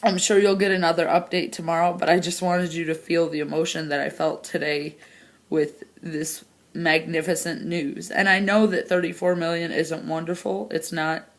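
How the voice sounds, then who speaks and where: A woman's voice: lowish voice, level tone, moderate pace. A young woman giving a tearful, rambling vlog update, crying and laughing as she talks. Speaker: vlogger. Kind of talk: emotional personal vlog update.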